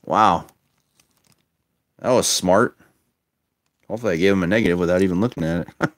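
Deep-voiced man chatting while unboxing toys. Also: fairly quick. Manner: chatty, wry and self-mocking, muttering asides. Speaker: toy collector vlogger. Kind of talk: casual unboxing commentary. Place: indoors at a table, filming toys close up.

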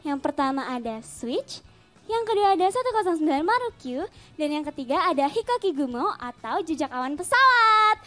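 A woman's voice: high-pitched, very animated, normal speed, bright, forceful tone, soft background music. A young idol woman recapping songs on a theater stage and cheerfully asking the audience how it went. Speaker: idol group member introducing songs.

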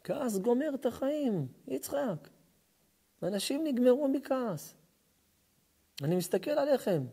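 A man giving a fervent Hebrew sermon as a rabbi, moving between forceful exhortation and soft, intimate storytelling. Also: very high-pitched, lively intonation, creaky, husky. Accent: Israeli Hebrew. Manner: impassioned, rising to near-shouts at the opening, then hushed and intimate. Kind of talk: sermon to a live audience.

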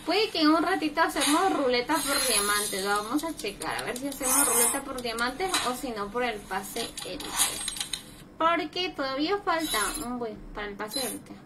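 A young woman with a high voice streams a game and chats with her viewers. She greets them by name and now and then bursts into loud exclamations. A heavy noise floor sits under her voice. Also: expressive, moderate pace. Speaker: livestreamer. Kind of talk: casual gaming livestream chat.

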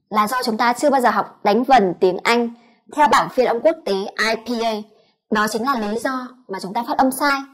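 Woman teacher, Vietnamese accent, somewhat high voice, spells out sounds one by one in a clear lesson. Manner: demonstrates sounds slowly, repeating each one. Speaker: English pronunciation teacher. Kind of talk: explanatory lesson.

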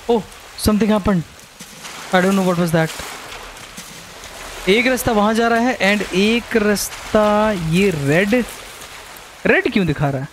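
A man's voice: sits high, slow, long pauses, a little hiss or hum. A young man giving casual commentary while playing a horror game, switching between Hindi and English, jumpy and swearing. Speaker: gaming streamer.

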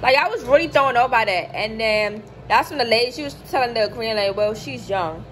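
Animated young woman with a higher voice, telling a storytime. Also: brisk, slight background noise, poor audio. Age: 20s. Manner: animated, acts out quoted people in a higher voice. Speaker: vlogger. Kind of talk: casual storytime chat. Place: hotel room, indoors. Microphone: phone camera held close below the face.

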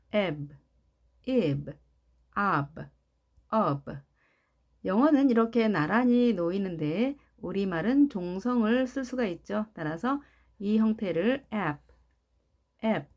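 A woman teaching English pronunciation in a patient classroom manner, repeating each sound clearly for learners. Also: medium pitch, darkish tone. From Korea. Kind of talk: slow, clear classroom instruction.

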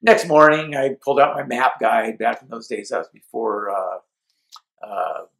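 A man's voice: medium pitch, measured pace, vocal fry, poor audio. A middle-aged man from Seattle casually recounting his early years building amps, acting out quoted lines. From Seattle, USA. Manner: relaxed storyteller, acts out his own and others' quoted lines. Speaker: amp builder telling his story. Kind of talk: casual storytelling interview.

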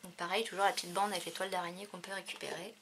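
A woman's voice: fairly low pitch, little pitch movement, racing, fairly bright tone, slight background noise. A French woman chatting casually through a crafting haul video, with many fillers as she shows her purchases. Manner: chatty, many fillers, counting and showing items. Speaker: crafting vlogger.

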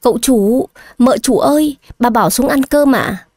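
A woman's voice: a little high, moderate pace, a little mellow, no room sound. Woman voicing a polite old housemaid in her sixties, patient and coaxing, close dry read.

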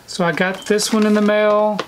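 A woman talks casually through a haul vlog, chatty and full of fillers and restarts. She is slightly out of breath. Her voice sits in an ordinary middle pitch, with a faint hiss under the recording. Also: little pitch movement, normal speed, poor audio. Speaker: video collector vlogger.

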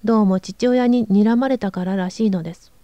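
Woman narrator, audiobook reading, mellow voice, steady calm delivery, dry studio sound. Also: medium pitch, a little fast, dry recording, muffled recording. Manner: calm, even storytelling.

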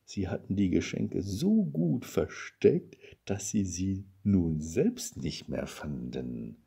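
A man reading aloud a Christmas story in an expressive, animated way. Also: sits low, slow, creaky, slightly rough.

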